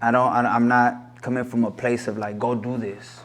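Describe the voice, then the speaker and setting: A man's voice: mid-range voice, flat delivery, normal speed. A man in his thirties from Los Angeles, a corrido singer talking earnestly and reflectively as a guest in a casual interview, now and then slipping into Spanish. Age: 30s.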